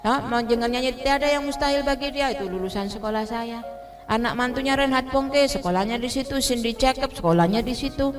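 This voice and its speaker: A woman's voice: a little high, a little fast, faint music behind. A woman from Indonesia preaching a testimony sermon in church, switching between Indonesian and English and translating herself, often asking her listeners if they understand. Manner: addresses listeners directly, checks they understand.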